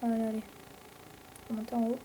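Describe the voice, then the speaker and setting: Une jeune femme à l'français commente sa partie de jeu vidéo sur un ton décontracté et bavard, avec beaucoup d'hésitations. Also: female voice, on the high side, completely flat delivery, fast, warm tone, slight background noise, low-quality recording. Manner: rambling, chatty, many fillers. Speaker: let's play host. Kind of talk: casual gameplay commentary.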